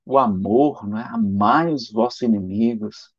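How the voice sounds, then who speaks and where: A man with a Brazilian Portuguese accent giving a live spiritist lecture, conversational and animated, acting out little dialogues and tagging on questions. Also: lowish voice, a little slow, dry recording. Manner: animated and conversational, acts out quoted dialogue, frequent tag questions. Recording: dull, lo-fi, dry live-stream audio.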